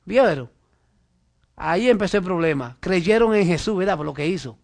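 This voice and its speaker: High-voiced man preaching a chatty sermon. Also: animated, moderate pace, creaky. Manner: frequent "¿verdad?" and "amén" asides, addresses listener directly. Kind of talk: conversational sermon.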